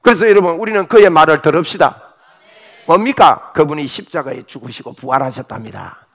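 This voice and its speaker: A middle-aged male pastor preaching a Sunday morning sermon fervently, with sudden shouts. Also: fairly high pitch, a little fast.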